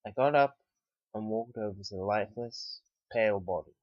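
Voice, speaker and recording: A man reads a first-person horror story in a calm, unhurried manner. His voice sits on the low side and sounds dry and close, with a slightly dull, lo-fi quality to the recording. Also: no echo. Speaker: narrator.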